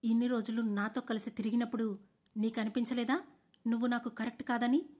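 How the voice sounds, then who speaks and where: A woman's voice: fairly high pitch, steady tone, a little fast, natural voice. A woman playing a heartbroken, fiery young fiancée. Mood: distraught. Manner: pleading, rising to loud demands.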